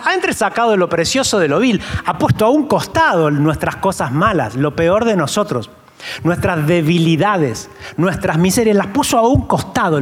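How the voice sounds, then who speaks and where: A man with an Argentine accent preaching a sermon in a church, emphatic and pleading, firing rhetorical questions at the congregation. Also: sits high. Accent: Argentine Spanish. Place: church sanctuary. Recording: long church reverb, faint music.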